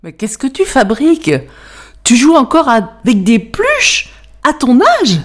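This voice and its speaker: A woman voicing a bratty older sister who shouts mocking scolds, in a storybook reading. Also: sits high, huge pitch swings, unhurried, voice pushed up, full character voice.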